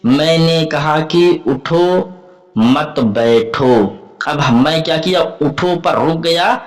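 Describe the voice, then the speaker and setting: A man teaches a Quran reading lesson in an unhurried way, pausing often and saying each point twice in other words. His voice sits a little high for a man, and he talks very slowly, as if to beginners. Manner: patient, repeats and rephrases each point. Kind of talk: slow explanatory lesson.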